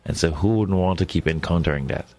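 A middle-aged man from Jamaica with a Jamaican accent, a guest scholar telling reflective, unhurried stories in a radio interview. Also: low-pitched, darkish tone.

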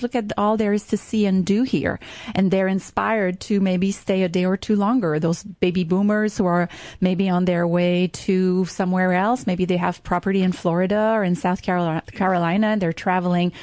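Her voice is fairly low and darkish with vocal fry as this middle-aged Quebec woman, a tourism marketing guest, chats eagerly in an interview. English is her second language, carrying a French Canadian accent and plenty of fillers. The audio is clean studio sound with no room sound.

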